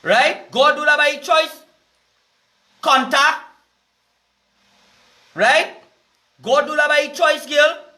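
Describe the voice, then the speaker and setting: A man's voice: very high-pitched, slow, long pauses, bright, forceful tone. A man with a Trinidadian accent delivering a heated, profanity-filled preaching rant, repeating himself as he goes. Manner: heated, cursing, repetitive. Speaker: vlogger.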